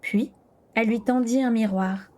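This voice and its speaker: A woman's voice: on the high side, steady tone, normal speed, warm tone. A woman reading a novel aloud on a stream, telling the story steadily with an occasional stumble. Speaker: book reader.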